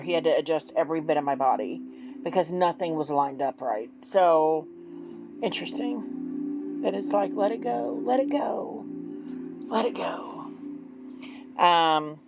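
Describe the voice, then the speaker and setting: A woman's voice: fairly low pitch, measured pace, low-quality recording. A woman in her forties doing a casual tarot reading, chatty and self-deprecating with frequent ums. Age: 40s. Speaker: tarot reader. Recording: music playing behind.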